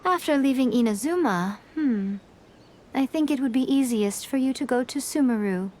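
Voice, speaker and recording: Speaking game dialogue as a playful, sly fox-spirit woman, this woman keeps a poised, teasing manner and a calm mood. Her voice sits high with a darkish tone, animated yet at normal speed.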